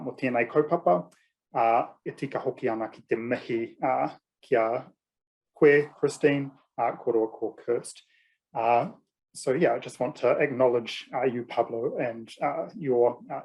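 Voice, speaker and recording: Hesitant New Zealand man, measured speech. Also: mid-range voice, a little mellow. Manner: measured, with frequent hesitant pauses. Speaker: writer and university student. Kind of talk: formal conversation with Māori greetings.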